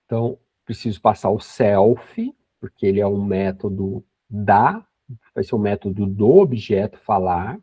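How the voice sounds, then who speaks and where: In a dry, dull lo-fi screen recording, a forties-aged programming teacher walks through each step patiently, often adding tag questions. He speaks unhurriedly in a lowish, warm voice with a breathy edge.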